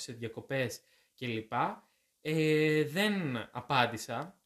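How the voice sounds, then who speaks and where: A young man from Greece chatting as a guest, telling animated stories and correcting himself as he goes. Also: fairly high pitch. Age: young adult. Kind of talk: casual chat.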